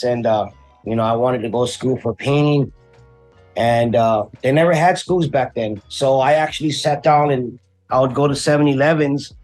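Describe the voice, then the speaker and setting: Man, from Hawaii, interview guest, laid-back slangy storytelling, average pitch, faint background music. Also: darkish tone. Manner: laid-back and slangy, drifting through stories with many fillers. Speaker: guest, custom painter and tattoo artist.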